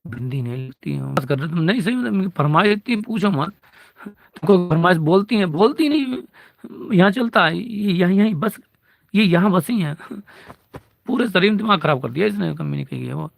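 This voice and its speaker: Gravelly, higher-voiced man in rambling devotional chat. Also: animated, normal speed, no room sound. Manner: rambling, playful, talks of himself as "we". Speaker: devotional speaker.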